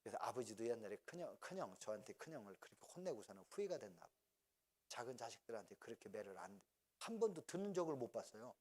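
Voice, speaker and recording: A man's voice: fairly low pitch, big pitch swings, fast talker, a little mellow. A middle-aged male pastor preaching a sermon, telling family stories with laughter and acting out his parents' voices. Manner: storytelling, acts out parents' voices, laughs often.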